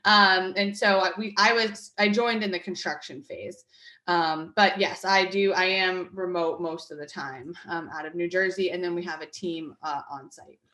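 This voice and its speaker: A woman's voice: fairly low pitch, fairly even intonation, normal speed, pushed and bright. Chatty woman in an echoey room. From Connecticut. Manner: chatty, many fillers and restarts. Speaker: guest, market project manager. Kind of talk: conversational interview.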